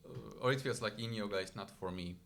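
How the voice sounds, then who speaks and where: Speaking on the low side with vocal fry and a fairly bright tone, this Finnish man, whose first language is Swedish, talks briskly. As a yoga expert guest in a relaxed conversation, he thoughtfully lays out ideas one step at a time, occasionally restarting.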